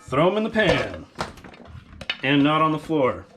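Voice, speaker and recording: A man with a voice on the high side, big pitch swings and an unhurried delivery hosts a casual cooking vlog from his home kitchen. Sarcastic and heavily foul-mouthed, he talks while he works, against a noisy background.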